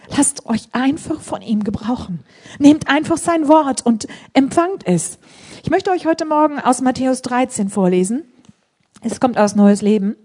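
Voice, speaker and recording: A woman preaching a sermon in a church service, telling testimonies in an animated, emphatic way and rising to loud appeals. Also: a little high, husky.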